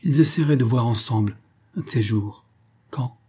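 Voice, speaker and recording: Dark, husky-voiced male narrator. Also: mid-range voice, normal speed. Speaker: audiobook narrator. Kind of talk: scripted narration of a classic story.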